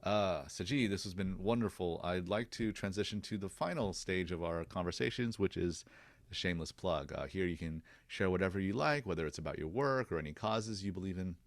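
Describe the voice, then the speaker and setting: Brief: deep-voiced male podcast host, earnest and reflective, dry close sound. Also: brisk, no room sound. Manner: earnest, reflective, many fillers. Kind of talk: casual interview chat.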